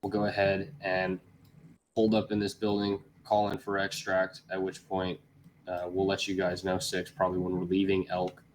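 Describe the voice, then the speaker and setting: A man's voice: low-pitched, completely flat delivery, normal speed, a little hiss or hum, rough recording. A man giving a tactical military mission briefing as a squad leader, in a grave, commanding, matter-of-fact manner. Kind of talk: tactical mission briefing, semi-scripted explanation.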